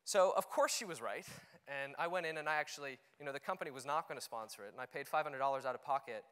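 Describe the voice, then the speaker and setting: A man's voice: medium pitch, fast talker, a bit bright, clear, resonant tone. A young man giving an earnest, conversational talk on stage, with frequent "you know" fillers. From Canada. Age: young adult. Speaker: conference speaker. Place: auditorium stage. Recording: long hall reverb.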